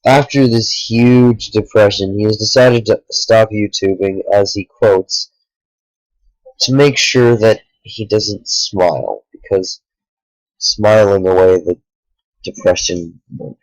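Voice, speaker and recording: A tired young man talking earnestly to the camera late at night, a small YouTuber speaking in halting sentences with sighs. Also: lowish voice, no echo, dull audio. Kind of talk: sincere direct-to-camera talk.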